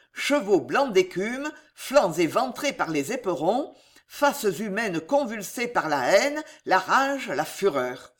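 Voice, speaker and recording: A reader narrating a historical novel in a dramatic, storytelling manner. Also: mid-range voice. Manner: slow, theatrical storytelling. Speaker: audiobook narrator.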